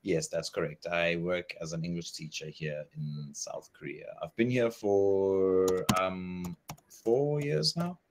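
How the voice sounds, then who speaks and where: A man's voice: low-pitched, slow, a little hiss or hum. A man who works as an English teacher, chatting casually on a video call, asking questions and encouraging the other speaker. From South Africa.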